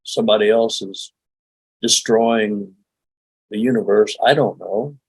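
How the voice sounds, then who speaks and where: An older man, a meditation teacher, giving a relaxed, folksy spoken lesson with frequent chuckles. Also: on the low side, unhurried, gravelly, slightly rough, no echo, poor audio. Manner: chuckling, folksy, demonstrates laughing exercises.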